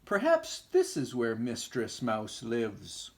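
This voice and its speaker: A man's voice: medium pitch, wildly swooping pitch, slow pace, pitched below the performer's own voice. An older man with a grandpa voice voicing a timid, lonely, polite little male mouse in a storybook. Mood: earnest.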